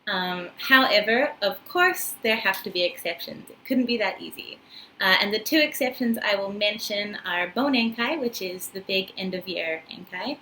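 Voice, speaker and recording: A New Zealand-accented woman in her twenties, who vlogs and teaches English in Japan, speaks to the camera in a casual, friendly way, sprinkled with ums and uhs. Her mid-range voice is expressive and sharp-toned at a normal speed. The low-quality close-up recording, made in a small room with a wooden floor and paper screens, has slight background noise.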